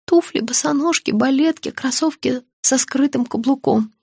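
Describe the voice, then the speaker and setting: Squeaky, whiny young woman in pain as a narrator puts her on, high, dry sound. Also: expressive, normal speed, dry recording. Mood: peevish.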